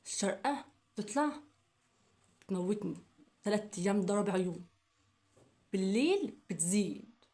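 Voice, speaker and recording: A woman's voice: medium pitch, animated, normal speed, long pauses, mellow. A young woman with an Egyptian Arabic accent, speaking in an emotional personal vlog, upset and pleading, repeating her questions over and over. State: coughing fits, upset. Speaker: vlogger.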